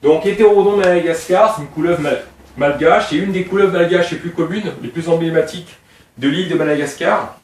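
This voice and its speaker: With a slightly high, darkish voice and a fairly quick delivery, a middle-aged snake breeder from Réunion Island explains his animals at length. He is talkative and digressive, heaping on details. The audio is distant and roomy, with slight background noise.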